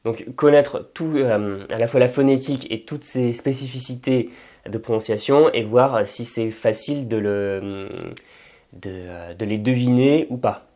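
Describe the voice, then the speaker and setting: A man's voice: mid-range voice, measured pace, dark tone. A man hosting a language-learning channel, explaining casually and thinking aloud with many hesitations and restarts. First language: French. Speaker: language-learning video host. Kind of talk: informal explanatory talk.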